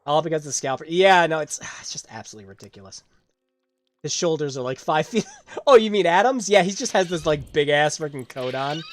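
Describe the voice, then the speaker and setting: A man's voice: on the high side, animated, a little fast, no room sound. Laughing, chatty game streamer man. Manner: chatty, laughs often, swears casually. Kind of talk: casual let's-play commentary.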